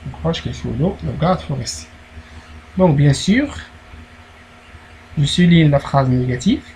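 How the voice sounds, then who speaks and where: A man with a Moroccan accent, teaching a primary school French lesson, explaining slowly and repeating key words. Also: fairly high pitch, lively intonation, a little mellow, slight background noise, poor audio.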